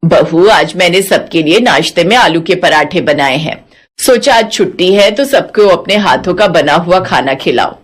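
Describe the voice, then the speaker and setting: A woman putting on a sixty-year-old widowed mother-in-law from an animated storybook, her voice dropped low and heavy. She scolds and scoffs in a sharp-tongued, scornful way. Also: moderate pace, breathy edge. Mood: sad. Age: 60s.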